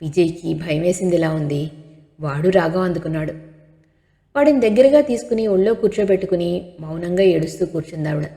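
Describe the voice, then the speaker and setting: A woman reading a novel aloud as an audiobook narrator, in steady expressive storytelling, with a long hall reverb. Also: on the low side, brisk, vocal fry.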